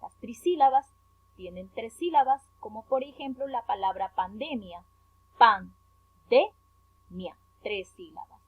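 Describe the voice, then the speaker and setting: A woman's voice: fairly high pitch, expressive, moderate pace, husky, no echo. A woman from Peru teaching a primary school lesson, going carefully through a worksheet and stressing each syllable as she spells words out. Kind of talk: remote class lesson explaining worksheet. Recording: tinny phone-like audio, dry.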